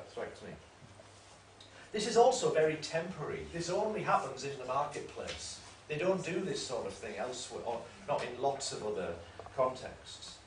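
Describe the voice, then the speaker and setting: A man giving an academic lecture in a discursive, explanatory way, often correcting himself. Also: a little high. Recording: roomy room, mic at a distance, faint noise.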